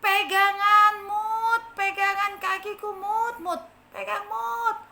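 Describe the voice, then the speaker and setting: A woman's voice: very high voice, flat delivery, takes it slowly, vocal fry, bright, forceful tone, roomy sound, pitched above the performer's own voice, full character voice. A woman voicing a kind butterfly urgently coaxing an ant to hold on. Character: kind helpful female butterfly.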